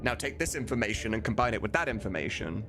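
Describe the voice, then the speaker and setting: Quick and sing-song, with a fairly low pitch, this thirtysomething streamer and game dub maker rambles candidly during a casual live stream. Music can be heard playing behind his voice.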